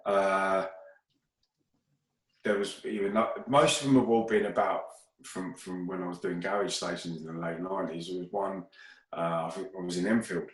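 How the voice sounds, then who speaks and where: A man's voice: deep voice, moderate pace, echoey room, poor audio. A man telling rambling, sweary anecdotes about his days as a DJ in a casual chat. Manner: rambling, swears, gets loud and excited in anecdotes. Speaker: podcast speaker, DJ.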